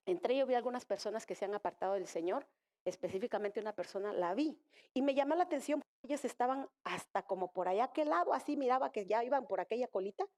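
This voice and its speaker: A woman's voice: fairly high pitch, a little mellow. A woman at church telling her congregation about a dream in an emotional, repetitive way, speaking straight to the listeners. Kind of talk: testimony sermon.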